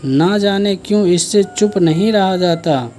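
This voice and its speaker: Narrator doing tired old-school farmer in a storybook, stern, slow and dark-toned. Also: male voice, sits high, soft background music. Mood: weary stern. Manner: weary, stern.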